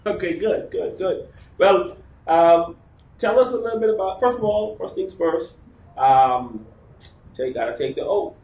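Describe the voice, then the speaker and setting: A man's voice: high voice, lively intonation, unhurried, a little mellow. A man hosting a casual sports interview, chatty, with lots of fillers and repeated words. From Bahamas. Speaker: interview host. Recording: roomy, distant, dull with faint noise.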